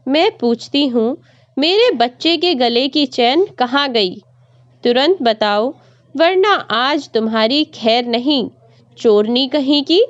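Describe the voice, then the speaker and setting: A woman voicing a harsh young daughter-in-law who shouts scornful accusations at her mother-in-law. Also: high-pitched, sing-song, takes it slowly, dry recording, dull audio, heavily acted. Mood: angry, accusing.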